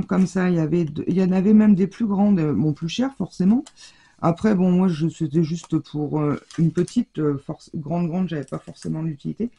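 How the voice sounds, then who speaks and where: A woman's voice: fairly low pitch, gravelly, warm tone, breathy edge. A woman with a French accent chatting casually in a scrapbooking haul video, hesitant and full of fillers and restarts, recorded indoors at home. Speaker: scrapbooking vlogger.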